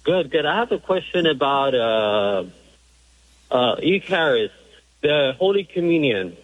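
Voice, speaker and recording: A man's voice: on the high side, big pitch swings, measured pace. Hesitant man calling in over a dull phone line. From Georgia, USA. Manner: hesitant, many fillers. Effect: heard over a phone line. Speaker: radio show caller. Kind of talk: call-in question.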